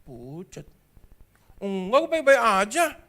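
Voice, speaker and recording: A man's voice: high-pitched, wildly swooping pitch, takes it slowly, pushed and bright, exaggerated voice. Man voicing a puzzled, mumbling young student. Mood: confused. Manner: puzzled, muttering to himself in casual slang. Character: confused young male college student, worried about being sick. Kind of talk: acted-out sermon story.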